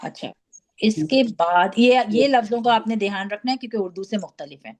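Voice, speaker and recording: A woman's voice: on the high side, faint music behind. A woman teaching Quran recitation, patiently modelling each letter sound for students to repeat. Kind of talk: online tajweed lesson.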